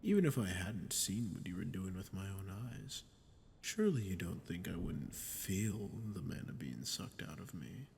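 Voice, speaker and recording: Heavily acted and very animated yet a little mellow, this male voice plays a smug, gravelly, low-voiced archdemon toying sadistically with a captive ruler. The ASMR audio roleplay unfolds as a dramatic monologue to the listener, knowing and smug, with mocking, condescending, slow taunting and breathy drops, over a slight hiss or hum.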